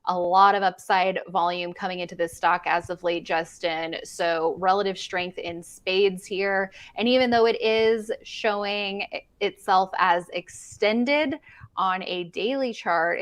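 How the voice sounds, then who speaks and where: A woman's voice: on the low side, measured pace. A woman hosting a stock market show, presenting in a conversational way. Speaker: host.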